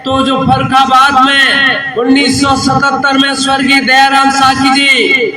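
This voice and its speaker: A man giving a booming political rally speech as a candidate, oratorical, repeating phrases and calling on listeners to answer. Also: monotone, unhurried. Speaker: election candidate. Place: public election rally before a crowd. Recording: roomy distant PA sound with loud crowd.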